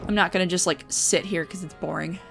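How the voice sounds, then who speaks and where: A woman's voice: fairly low pitch, fairly even intonation, brisk, creaky, faint music behind. A young woman hosting a casual livestream while playing a game, chatty and upbeat, with lots of fillers and affirmations. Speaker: livestream host.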